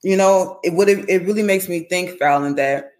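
A woman's voice: lowish voice, normal speed, a little mellow. A woman in her thirties, a nurse educator guesting on a podcast, speaking candidly and earnestly, often saying "you know". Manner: emotional when recalling support. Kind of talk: casual interview chat.

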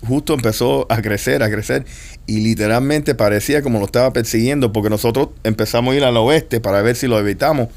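A man's voice: medium pitch, quick pace, a little mellow. A man in casual chat who tells a story with restarts and teases his friends.

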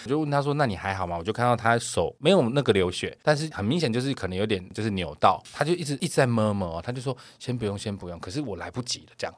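A man with a low voice tells a story quickly and animatedly in a casual podcast chat. He laughs often as he talks. The sound is dry and close, with no room around it. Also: lively intonation, dry recording. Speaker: podcast co-host.

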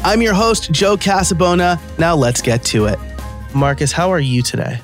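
A man's voice: fairly high pitch, normal speed, faint music behind. A middle-aged man with a New York accent, hosting a casual, conversational podcast interview. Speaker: podcast host.

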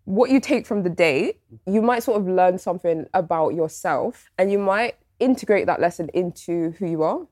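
A woman explains an astrology card reading in a measured way, with a low voice for a woman. The recording is dry and close, with no room sound. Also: a little mellow, dry recording. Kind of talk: explanatory chat.

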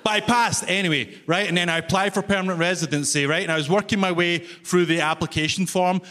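Quick and sharp-toned, this Scottish man's voice sits high as he performs a wry, self-mocking comedy set. He's a Glaswegian comedian checking in with a laughing crowd from a large concert hall stage, captured with live reverb and a little room noise.

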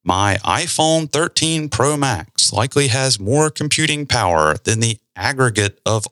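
A man hosting a podcast, explaining a topic in a relaxed, conversational way with side remarks. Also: mid-range voice, unhurried, no room sound, studio quality. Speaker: podcast host. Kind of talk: casual explanatory talk.

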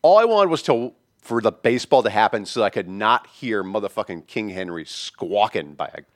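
A man co-hosting a podcast, telling a story loudly with lots of swearing and shouted bits; he says he is deaf. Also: fairly low pitch, lively intonation, normal speed, no echo, clean studio sound. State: hard of hearing. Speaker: podcast co-host. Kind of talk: casual chat.

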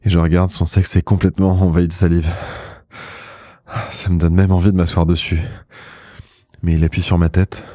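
Man, very low voice, mellow tone, slow hushed intimate narration, close dry mic. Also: little pitch movement, no room sound. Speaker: podcast host and narrator. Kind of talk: intimate first-person erotic narration.

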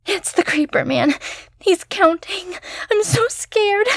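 A woman's voice: extremely high pitch, big pitch swings, slow pace, a bit bright, pitched above the performer's own voice, exaggerated voice. A woman voicing a panicked young woman who calls for help while a monster hunts her. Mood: pleading. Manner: panicked, pleading. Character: terrified young woman caller fleeing a monster.

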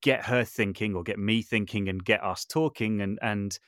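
With fairly even intonation at normal speed, a man whose voice is on the low side and fairly bright chats as a podcast guest; he's a composer and voice artist. Talkative, self-deprecating and hesitant, he keeps restarting sentences, recorded in studio quality with no room sound.

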